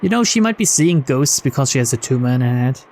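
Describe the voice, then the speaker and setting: Between read lines of visual novel narration, a let's player drops in informal, swear-filled commentary. The delivery is fast and expressive in a slightly mellow, mid-range voice, with some hiss or hum.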